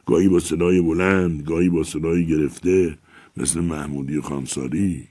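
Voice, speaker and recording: A man reading a story aloud in a very deep voice. His tone is dark and slightly husky, and his delivery is measured and rhythmic. The recording is dry and close. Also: fairly even intonation, dry recording.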